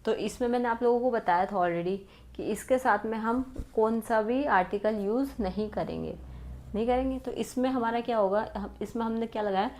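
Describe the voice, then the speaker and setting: A woman teaching an exam-prep English grammar lesson, constantly asking her students rhetorical questions and reading example sentences very slowly. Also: fairly high pitch, darkish tone.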